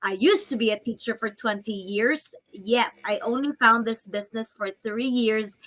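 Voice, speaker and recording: A woman's voice: a little high, moderate pace, a bit bright, poor audio. A woman around forty, a business coach introducing herself cheerfully on a livestream. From Philippines. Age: 40s.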